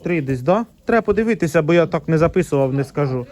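A man's voice: fairly high pitch, animated, fast, darkish tone. A man, a pig farmer, chatting casually as he shows his pen, fond with the piglets and scolding them. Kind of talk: casual vlog narration.

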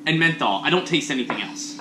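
A man's voice: on the high side, expressive, fast talker, background noise. A man in his thirties in rowdy, casual banter, joking crudely and chipping in as a review show co-host. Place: small indoor lounge, on a couch. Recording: roomy echo, music behind.

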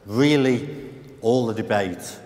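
A man's voice: mid-range voice, takes it slowly, darkish tone. A middle-aged man from the UK giving an emphatic conference keynote as an economist, using rhetorical questions and repeated punchlines, on a large stage with a headset mic. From United Kingdom. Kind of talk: conference speech. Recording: roomy hall reverb.

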